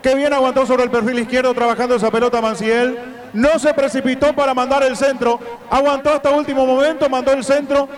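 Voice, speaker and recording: Very high-pitched male football analyst. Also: fairly even intonation, fairly quick. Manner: emphatic, recapping the play step by step. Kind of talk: excited match analysis.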